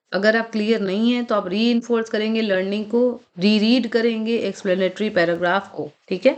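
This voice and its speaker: A woman lecturing on vocabulary for exam preparation, speaking in Hindi on the terms. She slows right down to read out passages and drills pronunciations one word at a time, and she keeps checking in with short questions to her students. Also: medium pitch. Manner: explains words in Hindi, reads English lines slowly. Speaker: vocabulary teacher. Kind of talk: recorded exam-prep lecture.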